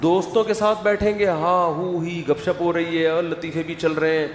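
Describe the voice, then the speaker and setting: A middle-aged man giving a lively sermon, asking the audience questions and acting out quoted voices. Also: on the high side, slight background noise. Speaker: Islamic scholar giving a talk. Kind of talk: lively sermon with humorous asides. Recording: echoey hall with faint ambience.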